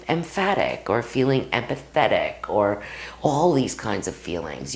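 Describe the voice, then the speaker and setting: A middle-aged woman with a low voice coaches actors straight to the camera. Her pitch rises and falls widely as she talks. She calls her viewers "guys" and acts out stories from her own life to make her points. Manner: lively, addresses viewers as "guys", acts out anecdotes. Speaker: acting coach. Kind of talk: direct-to-camera acting lesson.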